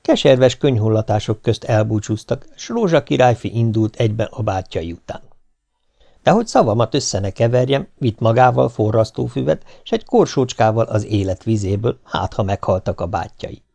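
Male audiobook reader for folk tales, animated and gravelly. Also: on the low side. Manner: lively, expressive storytelling. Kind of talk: folk tale narration.

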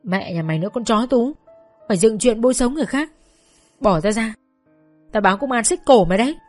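A woman voicing a young female student who shouts back defiantly while being attacked, in a narrated story. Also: mid-range voice, brisk, faint music behind, natural voice. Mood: shouting back. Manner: loud, pleading, defiant.

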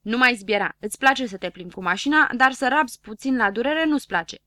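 A woman's voice: on the high side, bright, forceful tone, no room sound, studio quality. A woman doing a fussy little dwarf doctor. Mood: scolding. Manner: scolding, soothing. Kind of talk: audiobook character voice.

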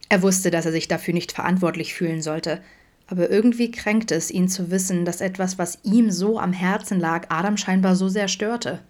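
A woman narrating fan fiction as an audiobook in a calm, measured way. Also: on the low side. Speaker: audiobook reader.

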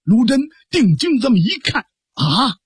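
A storyteller telling a traditional story in a lively, colloquial, dramatic way. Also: mid-range voice, unhurried, breathy edge, no echo, clean studio sound.

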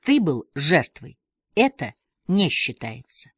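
A woman voicing a cautious, gently firm woman in an audiobook reading. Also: sits low, sing-song, slow pace, breathy edge, no room sound, exaggerated voice. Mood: careful.

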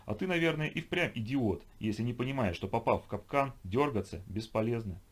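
A man voicing a calm, contemptuous inhuman twilight creature that taunts its human enemies. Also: medium pitch, a little fast, slightly rough. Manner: calm, mocking, superior. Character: cold, contemptuous inhuman twilight being, female.

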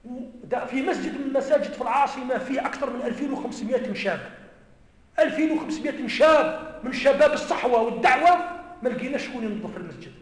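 A man with an Algerian Arabic accent, a native Amazigh speaker, gives an emphatic lecture in a large mosque, speaking fast in a very high voice. His words ring out through the echoey hall with a long reverb. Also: expressive. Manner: emphatic, repeats key phrases.

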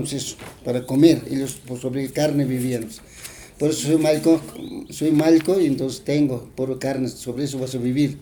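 A man's voice: medium pitch, mellow, a little hiss or hum. A man with a Bolivian Spanish accent, retelling a folk tale in an interview, rambling and full of fillers and tag questions.

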